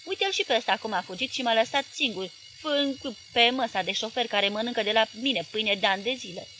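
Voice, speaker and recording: A woman reading the lines of a powerful middle-aged male newspaper magnate, voicing him with gruff, explosive outbursts in an audiobook. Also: a little hiss or hum. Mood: brusque. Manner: booming, explosive shouts.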